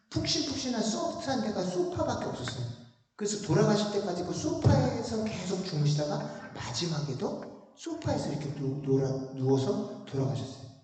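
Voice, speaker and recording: A male pastor preaches with animated emphasis, repeating words to drive his point home. His pitch rises and falls vividly. The recording carries a long reverb from the big hall, with the mic set well back. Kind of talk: sermon with storytelling. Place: large church hall. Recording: echoey church hall, mic far off.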